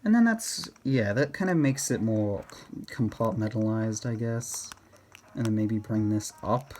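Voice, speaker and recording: This man talks through his own gameplay loosely, musing aloud and hesitantly questioning his choices. He speaks at a measured pace in a fairly low, slightly mellow voice, with a faint hiss or hum audible.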